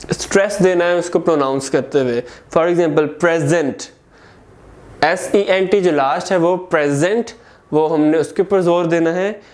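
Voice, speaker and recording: A man's voice: a little high, a little mellow. A man with a Pakistani Urdu accent teaching a school grammar lesson, dictating sentences word by word.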